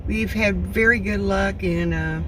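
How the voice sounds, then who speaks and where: A woman talking casually and plainly to viewers as an RV travel vlogger, in an unhurried, chatty way. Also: medium pitch. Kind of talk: casual travel vlog narration. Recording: distant mic, clear vehicle and wind noise.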